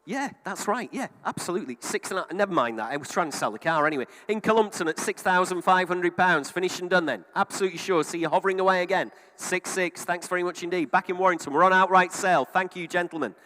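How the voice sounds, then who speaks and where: A man's voice: high voice, fast, few pauses, pushed and bright. A middle-aged British man working as a car auctioneer, calling bids in a repetitive running patter with chatty asides. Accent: British English. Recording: reverberant hall sound.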